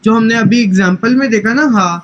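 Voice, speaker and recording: A man's voice: sits high, a bit bright, roomy sound, muffled recording, slight background noise. A man teaching tajweed in an online class, patient and corrective, mixing English phrases into his speech. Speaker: Quran recitation teacher.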